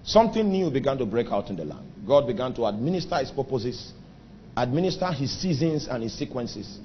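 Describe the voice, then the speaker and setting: A Nigerian pastor preaches a sermon in a sing-song male voice, emphatic, stretching out key phrases and suddenly jumping in pitch and volume. The audio is dull, with slight background noise.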